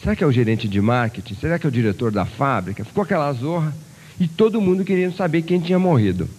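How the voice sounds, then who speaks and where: Give me an animated motivational speaker telling stories on stage, slightly high-pitched. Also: male voice, fast talker, slightly rough, rough recording. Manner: animated storyteller who acts out voices. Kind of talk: motivational lecture with storytelling. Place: lecture hall before an audience.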